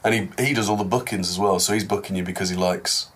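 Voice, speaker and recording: A man with a fairly low voice chats casually as a touring musician. He is laid-back and quick to laugh, often answering with short agreeing replies. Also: fairly even intonation, fairly bright tone. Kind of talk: casual chat.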